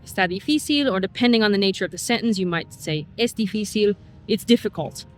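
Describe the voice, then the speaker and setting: Strolling outside for a relaxed vlog, a middle-aged woman who teaches Spanish breaks down phrases, pausing her pace to demonstrate each. Her medium-pitched voice has lively intonation, with soft music playing behind her.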